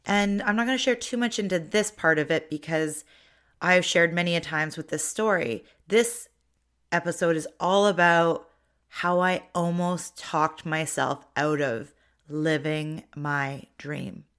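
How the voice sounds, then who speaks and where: A woman's voice: fairly low pitch, measured pace, fairly bright tone, clear, resonant tone. A middle-aged woman from Ontario, hosting her own podcast in a chatty, reflective monologue full of restarts. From Ontario, Canada. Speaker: podcast host.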